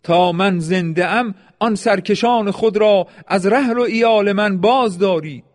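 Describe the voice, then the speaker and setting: A man voicing a proud, defiant warrior leader under siege, declaiming loudly. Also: high voice, no room sound, clean studio sound, voice pushed up, natural voice. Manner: declaiming, raised and forceful.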